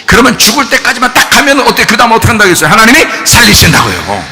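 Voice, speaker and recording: Animated, gravelly pastor preaching in a hall. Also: male voice, very fast. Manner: animated, asks the congregation questions; acts out quoted voices with big swings in pitch and loudness. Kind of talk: sermon. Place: church sanctuary.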